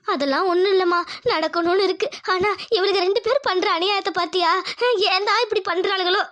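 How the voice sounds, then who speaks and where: A woman's voice: very high voice, a little fast, fairly bright tone. A woman voicing a caring, protective middle-aged village mother-in-law in a Tamil cartoon family drama, scolding and dramatic. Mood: grieving.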